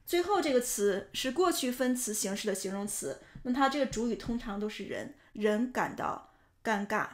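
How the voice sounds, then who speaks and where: Woman, fairly high voice, English teacher, patient explanations, lesson narration. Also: expressive, normal speed.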